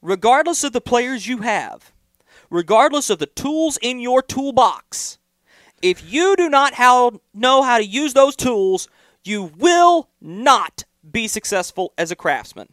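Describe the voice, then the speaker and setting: A man's voice: very high voice, sing-song, slow, fairly bright tone, no echo, clean studio sound. A young man hosting a college sports talk show, giving blunt, punchy opinions. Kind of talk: college sports podcast chat.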